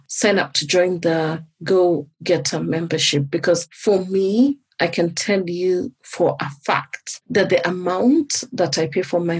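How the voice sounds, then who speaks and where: A woman's voice: lowish voice, slightly rough, poor audio. A woman from Kenya who works as a business coach, giving an emphatic, promotional testimonial.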